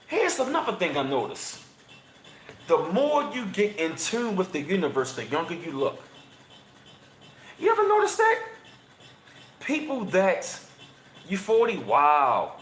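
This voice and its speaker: Excitable man in his thirties. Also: echoey room, a little hiss or hum. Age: 30s. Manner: excitable, voice jumps high when emphatic, slangy. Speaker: channel host. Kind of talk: casual livestream chat, answering viewers and reading aloud.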